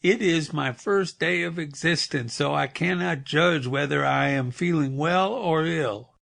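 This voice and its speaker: A man voicing a bewildered, squeaky flying creature with a moose-like head, speaking formally and mournfully. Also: measured pace, vocal fry, a bit bright, full character voice. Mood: resigned.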